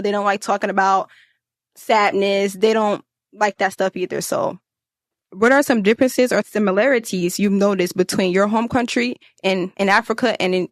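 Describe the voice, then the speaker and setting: A teenage girl from the United States interviewing classmates for youth radio, relaxed and conversational with lots of fillers. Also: medium pitch, no echo, studio quality. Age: teens. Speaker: student interviewer.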